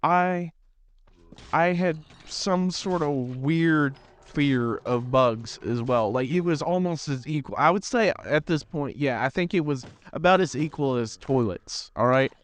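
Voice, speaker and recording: A man's voice: fairly high pitch, measured pace. A teenage boy hosting a gaming channel, telling a rambling, self-deprecating story in casual chat with lots of restarts. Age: teens.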